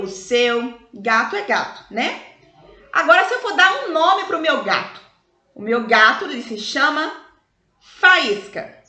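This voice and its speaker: A Brazilian woman teaching schoolchildren in a recorded review lesson, explaining slowly and stretching out example words in a sing-song way. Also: high-pitched, pushed and bright. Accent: Brazilian Portuguese. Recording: echoey room.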